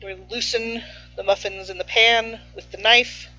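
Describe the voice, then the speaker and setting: A baking show host chats playfully through a casual cooking stream in her home kitchen, now and then with her mouth full. Her high-leaning voice is pushed and bright, with fairly even intonation and a measured pace, in a slightly muffled recording with faint music.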